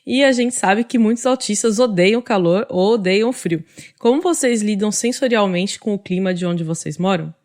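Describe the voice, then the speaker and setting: A Brazilian woman in her thirties opens and hosts a podcast episode. Her voice sits at a middle pitch, and she reads her script at a steady, even pace. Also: normal speed. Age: 30s. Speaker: podcast host.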